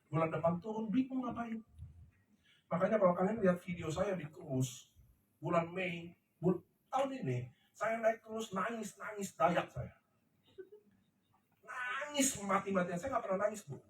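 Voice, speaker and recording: Middle-aged man, emphatic motivational speaker, high and animated, recorded far off in an echoey room. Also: normal speed, long pauses, a little hiss or hum. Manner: emphatic, preachy, asks the crowd "ngerti ya?". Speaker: company leader speaking to his team. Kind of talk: motivational talk to a live audience. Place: large room before a seated audience.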